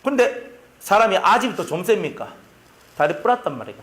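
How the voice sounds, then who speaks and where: A male pastor with a Gyeongsang Korean accent preaching a sermon, telling stories in an animated way and using lots of sound effects. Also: sits high, fairly quick.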